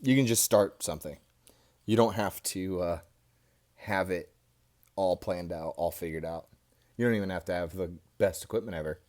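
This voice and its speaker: A low-pitched American man speaks off the cuff, like a podcast host alone with his camera. His delivery is informal and rambling, full of conversational asides, and he is recorded through a headphone mic plugged into a phone. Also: normal speed, pauses often, darkish tone. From Indiana, United States. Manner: informal, rambling with frequent "you know" asides. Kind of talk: casual off-the-cuff monologue to camera. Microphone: headphones used as mic with a phone.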